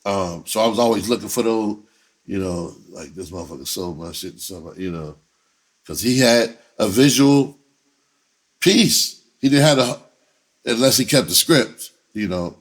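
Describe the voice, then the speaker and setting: An entertainer on his own channel tells personal stories in a casual monologue. His voice sits lowish and sounds animated at a normal speed, and the talk is conversational, profane and full of streetwise slang.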